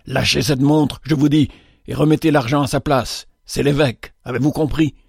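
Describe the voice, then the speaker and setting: A man as a gruff bandit leader. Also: medium pitch, fairly even intonation, moderate pace, darkish tone, dry recording, clean studio sound. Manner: gruff, earnest.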